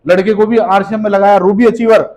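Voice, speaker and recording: Guy with a high voice doing a pushy motivational seminar talk, keeps asking the crowd questions. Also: fairly even intonation, a little fast, dark tone, poor audio. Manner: rhetorical questions to the audience, call-and-response; emphatic, scolding, repeats key phrases. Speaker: motivational business speaker. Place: seminar hall with a live audience.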